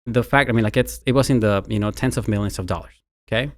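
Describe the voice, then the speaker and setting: Here the man's lowish voice moves at a quick pace. He's a Mexican university marketing executive with a Mexican Spanish accent, a guest in a conversational interview who habitually repeats words at the start of his sentences.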